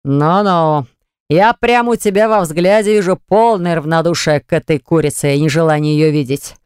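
An audiobook narrator voicing a smug, scornful man who gloats and yells when pinned down, in a smooth voice. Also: mid-range voice, normal speed, dry recording, studio quality, close to an everyday voice. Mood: sneering.

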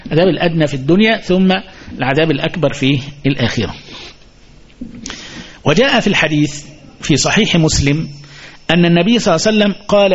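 Egyptian sheikh teaching, husky and muffled. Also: male voice, fairly high pitch. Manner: asks the audience questions and repeats key phrases. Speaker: sheikh teaching hadith commentary. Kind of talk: mosque lesson in colloquial Egyptian Arabic. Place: mosque.

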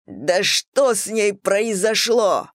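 A woman voicing a panicked, angry young man who shouts. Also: mid-range voice, takes it slowly, dry recording, clean studio sound, close to an everyday voice. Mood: frantic.

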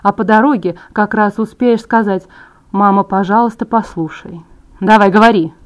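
A woman reading an audiobook, voicing a calm, menacing male villain who talks slowly and quietly. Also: mid-range voice, close to an everyday voice. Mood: cold menace.

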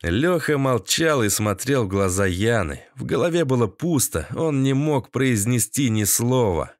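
A man narrating an audiobook in a steady, dramatic reading. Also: mid-range voice, measured pace, dry recording, studio quality. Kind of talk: scripted narration.

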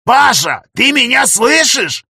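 A man with a husky voice voicing an elderly male professor who pleads and rises to near shouting. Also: medium pitch, a little slow, no echo, studio quality. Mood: pleading shout.

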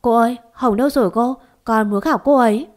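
A woman's voice: fairly high pitch, a little fast, a little mellow, natural voice. A woman voicing an earnest young man who pleads and stammers as he searches for his lost love.

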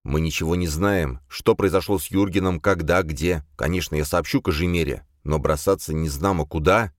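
A man doing a gruff, defensive young sorcerer. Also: low voice, moderate pace, dry recording, clean studio sound, close to an everyday voice. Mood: irritable. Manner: gruff, clipped and irritable. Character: young male sorcerer, tense and defensive leader.

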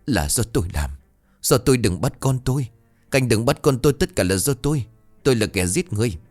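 A man's voice: low voice, animated, fairly quick, a little mellow, no room sound, soft background music. A man voicing a guilt-ridden middle-aged father who stammers and pleads through sobs in a ghost story. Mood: pleading, sobbing.

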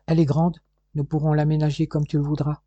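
A man's voice: on the high side, monotone, fast talker, dark tone, dry recording, highs cut off, lightly acted. A man reading as a decisive loving husband. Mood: fond. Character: eminent male researcher, loving decisive husband.

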